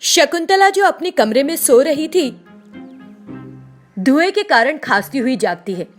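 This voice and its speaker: A woman narrating a scripted children's story in an expressive storytelling manner. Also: high voice, measured pace, faint music behind.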